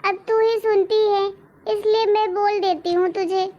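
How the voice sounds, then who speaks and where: A woman's voice: very high voice, fairly even intonation, a little slow, highs cut off. A woman voicing a complaining older mother-in-law in a cartoon story. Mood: fretful. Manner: complaining, scolding.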